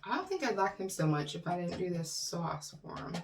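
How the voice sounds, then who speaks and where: A woman's voice: fairly low pitch, very animated, fairly quick. A middle-aged woman chatting casually to viewers as she eats, chewing while talking and humming over her food. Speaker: mukbang vlogger. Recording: roomy, distant mic with faint noise.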